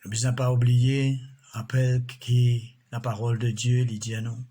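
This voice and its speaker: A man preaching a sermon in a slow, measured way, often breaking in with alleluias. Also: mid-range voice, flat delivery, warm tone, slightly rough.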